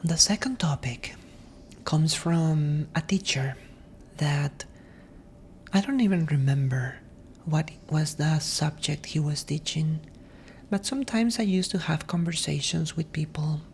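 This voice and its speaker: A woman gives a gentle ASMR monologue in a mellow, slightly low voice. She speaks very slowly and reflectively, breathy and often slipping into a whisper. A faint low rumble sits behind her. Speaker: ASMR host.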